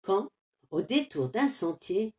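A woman narrating an animated children's series in a gentle, measured storytelling manner. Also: mid-range voice.

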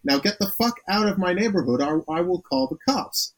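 A man's voice: high-pitched, expressive, fairly quick, poor audio. A man putting on a furious, foul-mouthed American man threatening a neighbor. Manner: threatening, swearing.

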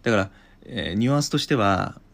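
Brief: gravelly male teacher, lively pitch, hesitant delivery. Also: fast talker. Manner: hesitant, many fillers and restarts. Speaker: language teacher. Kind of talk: podcast language lesson.

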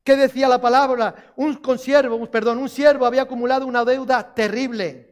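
A man's voice: extremely high pitch, fairly even intonation, a little fast. A man preaching a sermon, repeating key phrases for emphasis and putting questions to the congregation.

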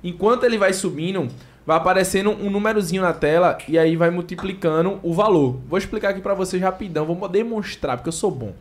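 A man's voice: sits high, quick pace. A man hosting a podcast, giving a playful, joking sponsor read and explaining it step by step. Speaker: podcast host.

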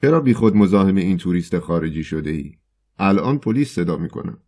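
A man's voice: animated, warm tone. A man voicing a meddling, mocking middle-aged ex-choirmaster in a storybook reading. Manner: meddling, mocking, shrill at times.

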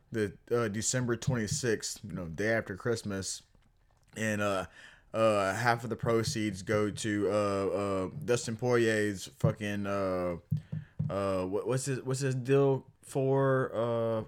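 A man co-hosting a podcast in loose, casual chat, swearing often and filling pauses with "like" and "uh". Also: lowish voice, clean tone. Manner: loose, profane, filler-heavy. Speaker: podcast co-host.

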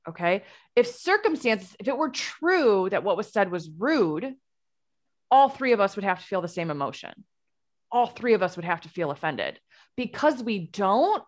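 A woman podcast host and life coach talking through an idea in a casual monologue, often checking in with "okay?" and "right?". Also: mid-range voice. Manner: explanatory, frequent "okay?" and "right?" check-ins.

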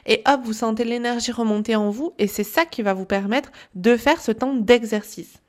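A woman wellness coach giving casual spoken advice to listeners, chatty and full of pauses with "euh" and "hop". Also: on the high side.

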